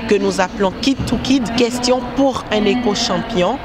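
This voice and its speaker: Woman explaining over a loud crowd. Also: mid-range voice, moderate pace. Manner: explanatory, with frequent fillers. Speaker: project manager of an association. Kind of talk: interview answer, explaining.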